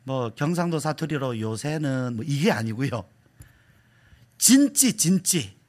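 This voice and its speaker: A male pastor preaching a sermon, asking the congregation questions and repeating key words, sometimes dropping to a soft whisper. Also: mid-range voice, lively intonation, normal speed.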